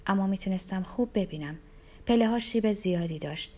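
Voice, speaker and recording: A woman narrating a novel aloud in the first person, with a measured, even reading. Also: medium pitch. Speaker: audiobook narrator.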